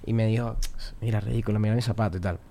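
A young adult man with a Venezuelan Spanish accent, a singer-songwriter telling animated, slang-filled anecdotes on a casual podcast. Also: on the low side, racing, creaky, slight background noise.

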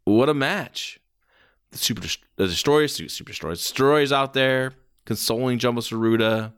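A man's voice: mid-range voice, moderate pace, smooth. A man doing casual play-by-play as a wrestling commentator, reacting with exclamations and the odd swear word.

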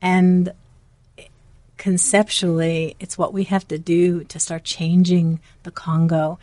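A woman speaking as an interview guest, explaining in an earnest, steady way. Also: lowish voice, takes it slowly, no echo. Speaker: foundation guest. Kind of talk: casual interview talk.

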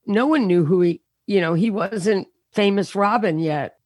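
A woman comedian telling stories in an interview over a remote call, her voice deeper than usual and worn from a show and rehearsals. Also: darkish tone, slightly rough, no echo, clean studio sound. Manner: anecdotal, self-mocking, quick punchlines. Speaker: comedian guest. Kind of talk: casual storytelling interview. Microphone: remote call over unstable internet.

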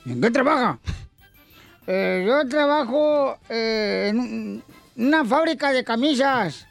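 A man from Michoacán, telling jokes on a radio show and shouting out character voices. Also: extremely high pitch, takes it slowly, creaky, soft background music. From Michoacán, Mexico. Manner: animated, puts on shouted voices for joke characters.

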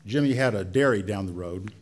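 Speaking in a lowish voice, a man narrates a story before a live audience. His delivery is folksy and colloquial, with stretched-out phrases and pauses along the way.

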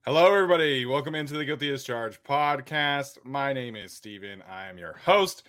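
A man's voice: medium pitch, expressive, normal speed, a bit bright, faint music behind. A man hosting a sports podcast in a casual, chatty style. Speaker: podcast host.

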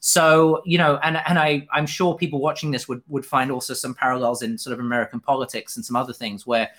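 British man giving candid, halting interview answers. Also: medium pitch, little pitch movement, a bit bright. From Fife, Scotland. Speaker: interview guest, journalist and author.

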